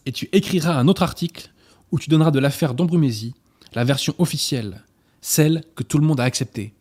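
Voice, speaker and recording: A man reading aloud as a proud, commanding gentleman thief, speaking sternly and forcefully. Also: on the high side, brisk, close to an everyday voice. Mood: threatening.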